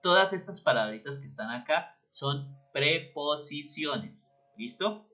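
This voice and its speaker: A man's voice: a little high, lively intonation, slow pace, sharp tone. A man teaching a grammar lesson, patiently explaining and often checking that students follow. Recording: dull lo-fi recording.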